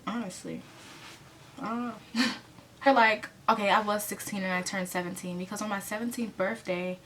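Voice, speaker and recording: A woman's voice: medium pitch, steady tone, fairly quick, fairly bright tone. Young American woman, twenty, casual storyteller, chatty and digressive, faint background noise. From United States. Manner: chatty, rambling, with many fillers and self-corrections. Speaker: vlogger telling a storytime.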